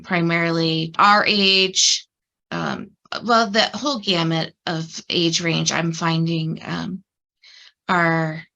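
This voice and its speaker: A woman's voice: on the low side, gravelly, pushed and bright. A woman hosting a podcast interview, friendly and encouraging as she introduces and questions her guest. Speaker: podcast host.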